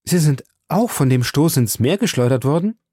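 A man's voice: a little high, lively intonation, moderate pace, warm tone, no room sound, pitched above the performer's own voice. A man voicing an exhausted male professor close to drowning, speaking in a stammering, pleading way. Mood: urgent.

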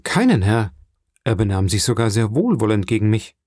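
A man's voice: lowish voice, sing-song, normal speed, darkish tone, dry recording, clean studio sound. A man voicing a young sailor held in prison, pleading with passion for a trial in an audiobook reading. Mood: earnest. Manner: impassioned, imploring.

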